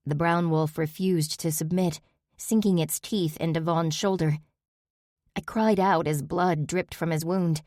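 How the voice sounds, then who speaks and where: A woman narrates a first-person audiobook in a steady, measured way. Her voice sits low and sounds mellow and warm. The close studio mic gives a dry sound with no room around it. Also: no echo.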